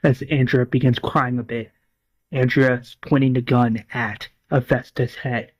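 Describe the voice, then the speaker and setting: A man's voice: medium pitch, steady tone, measured pace, dry recording. A man casually retelling a fan series episode scene by scene, rambling with restarts and acting out quoted lines. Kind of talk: casual spoken retelling of a story.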